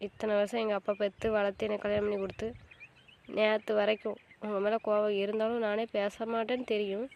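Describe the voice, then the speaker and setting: A woman's voice: mid-range voice, vocal fry, natural voice. An actress playing a young wife and new mother, hurt and stubborn, speaking coldly in a melodramatic family drama. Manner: cold, flat, stubborn. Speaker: actor in a web drama.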